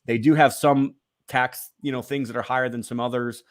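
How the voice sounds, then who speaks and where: A man's voice: mid-range voice, little pitch movement, brisk. A man as an interview guest, rambling casually with many fillers and restarts.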